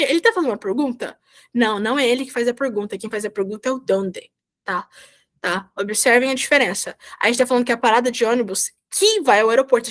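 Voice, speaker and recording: Brazilian woman, volunteer teacher on a video call, fairly high voice, patient and repetitive, checks in often. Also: a bit bright. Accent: Brazilian Portuguese. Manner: patient, repeats "tá?" to check understanding. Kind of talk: online class explanation.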